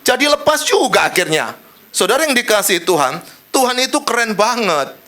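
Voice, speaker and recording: A male pastor, preaching in a joking, dramatic style with sudden shifts in pace and loudness. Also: very high-pitched, sing-song, moderate pace. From Indonesia. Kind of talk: sermon.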